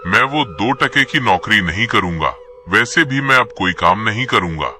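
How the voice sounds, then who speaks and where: A man's voice: lowish voice, expressive, normal speed, bright, forceful tone, slight background noise. A man playing a young husband who talks harshly and dismissively. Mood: angry. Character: young husband, quarrelsome then frightened.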